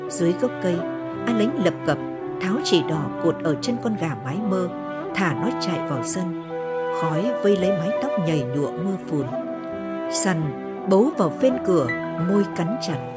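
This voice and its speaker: A woman narrating a literary short story for radio in a measured, solemn reading. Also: lowish voice, lively intonation, loud music behind the voice.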